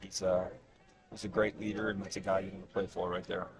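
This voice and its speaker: A man with a fairly low voice gives relaxed, conversational color commentary on a high school football game. Music plays clearly behind him. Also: fast talker. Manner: relaxed, conversational, with fillers and restarts. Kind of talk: casual analytical sports commentary.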